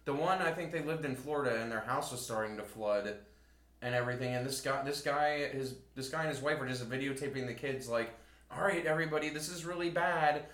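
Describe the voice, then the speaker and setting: A man's voice: medium pitch, a little fast, echoey room. A man co-hosting a podcast, telling stories in casual, profane chat and acting out quoted people. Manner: profane, animated storytelling with quoted voices. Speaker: podcast co-host.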